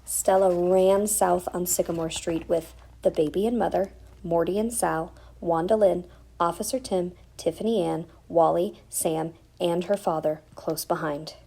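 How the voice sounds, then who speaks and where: Female storyteller for children's picture book; soft-edged mellow tone with plenty of fry. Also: lowish voice. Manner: expressive, deliberate storytelling. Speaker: read-aloud storyteller.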